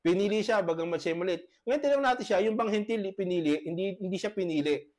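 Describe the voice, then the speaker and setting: A male pastor giving a debate presentation over a video call, halting often with tag questions and clearing his throat from a cough. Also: high-pitched, a little mellow.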